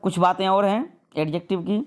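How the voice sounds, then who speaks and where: A woman teacher giving a grammar lesson. She drills lists of words, reads the rules out slowly word by word, and keeps checking with "clear?". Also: medium pitch. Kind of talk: grammar lesson, mixing Hindi and English.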